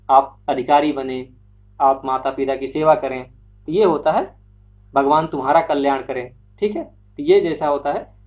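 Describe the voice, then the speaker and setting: A woman teaching a grammar lesson, explaining slowly and repeating every example sentence before checking that the class follows. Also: rumbling low, darkish tone.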